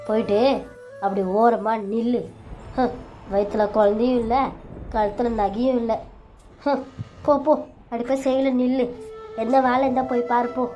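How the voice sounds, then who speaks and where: A woman's voice: a little high, dark tone, lightly acted. A woman voicing a scheming mother-in-law in a cartoon serial, who scolds one daughter-in-law and fusses over the other. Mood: scornful. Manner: scolding and dismissive, then fussing and coaxing. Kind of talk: Tamil cartoon serial voice acting.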